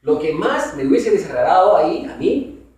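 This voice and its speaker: Very animated and speaking at a moderate pace, a man with a fairly high, darkish voice teaches a conversational Bible study, putting questions to the congregation. The recording comes from far off in a very echoey church hall.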